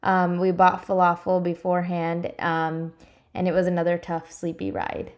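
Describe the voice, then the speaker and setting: A young woman from California, narrating her travel vlog in a relaxed, chatty way with frequent "um"s. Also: on the low side, normal speed, roomy sound. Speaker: travel vlogger. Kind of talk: casual voice-over narration.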